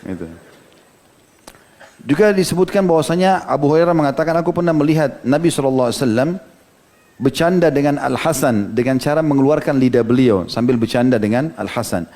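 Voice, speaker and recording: Fast-talking male preacher. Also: medium pitch, warm tone. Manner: storytelling lecture, quoting hadith, frequent "ya" asides. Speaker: Islamic preacher. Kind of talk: sermon.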